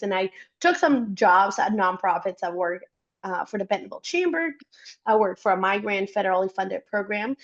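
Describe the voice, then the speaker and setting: Dull audio captures a medium-pitched young woman from Costa Rica being interviewed. Chatty and upbeat, she works supporting startups.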